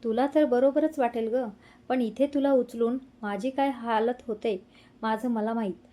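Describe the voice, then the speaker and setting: Woman narrating young husband, passionate, playful teasing, mellow tone, audio story. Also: very high voice, fairly even intonation, measured pace.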